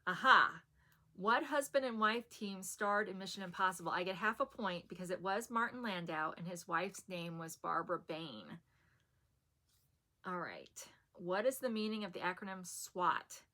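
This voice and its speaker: Speaking in a lowish voice at normal speed, a woman who makes haul videos talks casually to the camera. Her voice is soft and soothing, said to lull people to sleep, but has a bright, sharp edge, and she drifts a little with comfortable fillers and small laughs, as a seasoned vlogger would.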